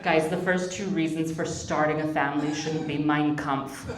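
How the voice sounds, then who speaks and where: Woman doing stand-up in a club. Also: deep voice. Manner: deadpan, self-mocking, quick asides to the crowd. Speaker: stand-up comedian. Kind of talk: stand-up comedy set. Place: comedy club stage. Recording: echoey club, distant mic, audience laughter. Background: audience laughter.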